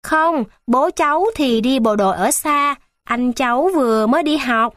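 A woman's voice: sits high, unhurried, a bit bright, no room sound, pitched above the performer's own voice. A small anxious boy pleads through tears in a raised, childlike voice, as a woman reads him out. He sounds close and dry, without any room around him. It is a storybook reading. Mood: eager. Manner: pleading, tearful. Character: small anxious boy who loves his mother.

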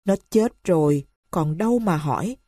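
A woman's voice: on the low side, lively intonation, normal speed, warm tone, breathy edge, dry recording, clean studio sound. A woman voicing a bitter aunt who scolds and accuses with scorn.

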